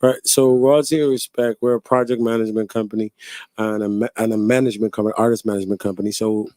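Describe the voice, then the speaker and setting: A man from the Bahamas, a guest explaining his artist management company in steady, businesslike interview answers. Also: on the low side, quick pace, no room sound, clean studio sound.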